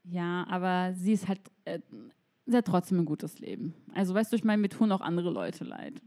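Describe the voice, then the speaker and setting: A woman co-hosting a casual podcast, speaking in a relaxed, reflective way. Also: lowish voice, moderate pace. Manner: relaxed, reflective, frequent listening responses. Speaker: podcast co-host.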